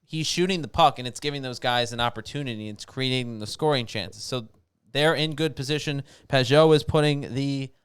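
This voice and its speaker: A New York man co-hosting a hockey show in a clear, resonant mid-range voice. He talks in long, winding thoughts and stops to correct himself. His jokes are dry. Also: medium pitch, normal speed, fairly bright tone. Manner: dry wit, rambling, self-correcting. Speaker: podcast co-host. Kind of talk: hockey talk show chat.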